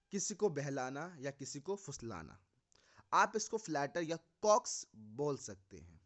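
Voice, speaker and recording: Young male tutor, Indian English accent, slightly high pitch, lively mnemonic-driven exam vocabulary lesson. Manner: explains with memory tricks, mixing Hindi and English; asks the viewers questions and answers them himself.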